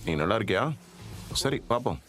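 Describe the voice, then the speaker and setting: A man's voice: lowish voice, animated, brisk, natural voice. A man playing a joking, laid-back agent in a dubbed action comedy. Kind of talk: dubbed movie dialogue.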